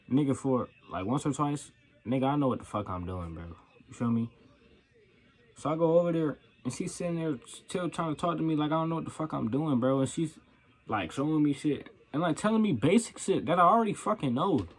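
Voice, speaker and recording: A young man telling a profane, slangy story about his coworkers in a casual rant. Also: medium pitch. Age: young adult. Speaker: vlogger.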